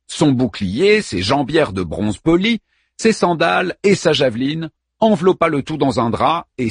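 A man narrating an epic tale in dramatic, expressive audiobook style. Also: a little high, husky, no echo, studio quality.

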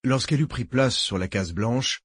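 A man reading a novel aloud as narrator, in a measured, solemn way. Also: medium pitch, husky, dry recording, studio quality. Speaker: audiobook narrator. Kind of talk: audiobook narration.

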